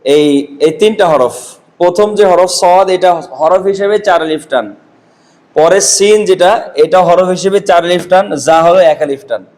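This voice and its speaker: A man from Bangladesh teaching Quran letter pronunciation, drawing out and repeating each sound slowly. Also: sits high, darkish tone, poor audio. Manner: slow, drawn-out demonstrations of letter sounds, repeating each many times.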